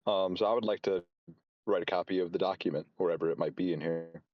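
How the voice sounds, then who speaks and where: A man chatting casually as a player in a tabletop role-playing game, haltingly talking through his plans. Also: sits low, fairly even intonation, dry recording, lo-fi sound. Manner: halting, repeats and reformulates as he plans.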